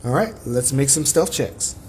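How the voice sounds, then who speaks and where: A man's voice: mid-range voice, expressive, normal speed, darkish tone, faint music behind. A young man acting as game master, narrating in a rambling, self-correcting way with casual swearing.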